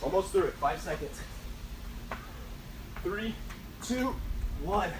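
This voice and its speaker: A man's voice: high voice, expressive, takes it slowly. A man in his thirties coaching like an aerobics instructor while exercising, with short urging cues and countdowns, recorded on an outdoor porch by a distant camera. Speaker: fitness instructor. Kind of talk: aerobics instructor leading a timed workout. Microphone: camera several metres away. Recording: echoey, noisy, distant camera microphone outdoors.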